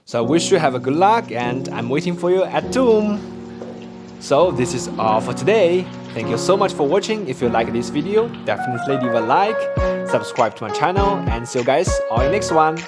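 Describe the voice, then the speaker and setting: A young man, a student whose first language is Chinese, narrating a vlog in a careful, measured way with many hesitations. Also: fairly high pitch, big pitch swings, over loud music. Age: young adult. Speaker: vlogger, engineering student.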